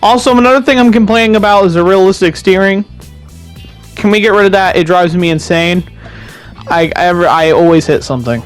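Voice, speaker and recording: A man's voice: high voice, fairly quick, clear, resonant tone, soft background music. A young man giving casual, rambling commentary over his own farming game footage, swearing freely and restarting his sentences. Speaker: gaming YouTuber.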